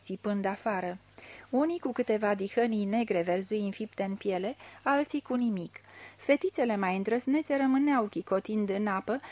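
Female audiobook reader, middle pitch, even scripted narration, dry close recording. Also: no echo.

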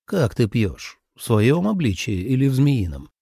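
A man voicing a calm, patient young male god who speaks in a subdued, measured way. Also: medium pitch, vocal fry, slightly rough, no room sound, clean studio sound, full character voice.

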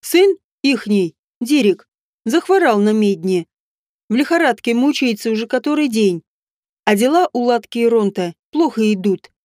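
Woman reading as a slow, blunt old village granny. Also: fairly high pitch, animated, a little mellow, dry recording, clean studio sound, lightly acted. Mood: matter-of-fact.

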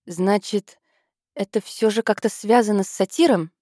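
A woman voicing an eager, gushing teenage girl in an audiobook, higher and breathless with excitement. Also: moderate pace, dry recording, clean studio sound, natural voice.

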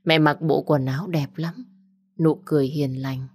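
A woman reading a first-person story aloud in a soft, sorrowful way. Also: low-pitched, fairly even intonation, moderate pace, husky.

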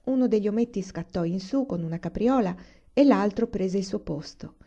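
A woman reading a children's novel aloud in a calm, unhurried storytelling manner. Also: mid-range voice, lo-fi sound. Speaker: reader.

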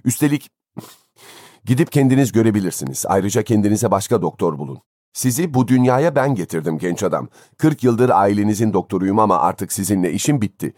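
A man's voice: on the low side, lively intonation, brisk, a little mellow, no room sound, clean studio sound. A man voicing a stern, indignant older family doctor who speaks in a cutting way.

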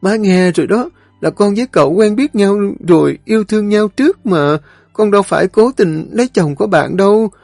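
A woman's voice: mid-range voice, lively intonation, fairly quick, creaky, darkish tone, dry recording, soft background music, pitched above the performer's own voice. A man voicing a young daughter who pleads with her mother through tears, in an audio story. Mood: pleading. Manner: pleading, sobbing.

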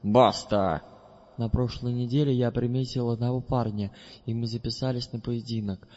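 A man reading a first-person audiobook in a measured, deliberate way. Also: medium pitch, steady tone, a little mellow. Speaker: audiobook narrator. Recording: dull recording with long reverb.

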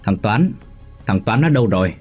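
A man's voice: fairly low pitch, animated, moderate pace, darkish tone, breathy edge, faint music behind. A man voicing an older male neighborhood leader who gives firm orders in a ghost story reading.

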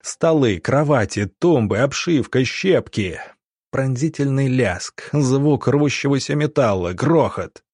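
A man narrating an audiobook with a dramatic, measured delivery. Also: mid-range voice, expressive, darkish tone, breathy edge, dry recording, studio quality.

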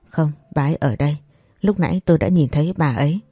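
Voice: medium pitch, quick pace, dark tone, husky, dry recording, studio quality. The narrator voicing a frightened older man who sees ghosts, speaking in a tearful, pleading way. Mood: terrified. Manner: trembling, tearful, fearful pleading. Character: frightened old man haunted by visions.

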